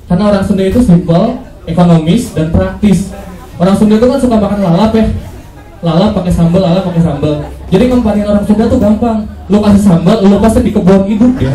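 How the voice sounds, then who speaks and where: A man's voice: sits high, mellow. A young man from Indonesia doing a casual, slangy stand-up comedy set and bantering with the crowd. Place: open mic comedy venue. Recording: roomy, distant stage recording.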